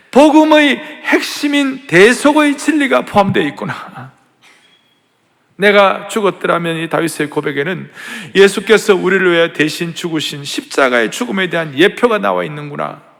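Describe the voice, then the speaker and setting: High-pitched dramatic male preacher, gravelly. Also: expressive, moderate pace. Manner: dramatic storytelling, swinging from hushed whispers to loud cries. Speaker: pastor. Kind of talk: sermon. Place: large church sanctuary. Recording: reverberant large church hall.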